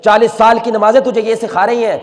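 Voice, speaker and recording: A male preacher, telling a story in an emotional sermon that swings between soft pleading and loud exhortation. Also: high voice, fairly even intonation. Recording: long reverb in a large hall.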